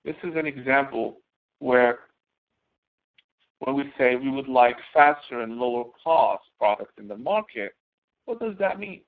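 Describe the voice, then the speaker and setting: A man giving an instructional walkthrough as a course instructor, explaining step by step and posing questions that he then answers, in a gravelly voice. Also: medium pitch, lively intonation, a little slow, long pauses. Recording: narrow, phone-like audio.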